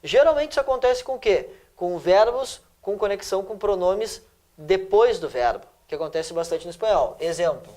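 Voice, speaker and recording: A teacher works through exam answers. He keeps checking that his students follow along. His delivery is lively and animated. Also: sits high, moderate pace. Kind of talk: exam-prep lesson.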